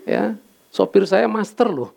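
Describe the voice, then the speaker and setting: A man preaching a lively sermon as pastor, bantering with his congregation and dropping in English words. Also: high voice, unhurried, gravelly. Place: church.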